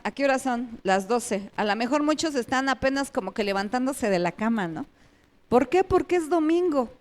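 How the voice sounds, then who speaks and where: A woman pastor giving a sermon, addressing the congregation as brothers and asking them questions. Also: sits high.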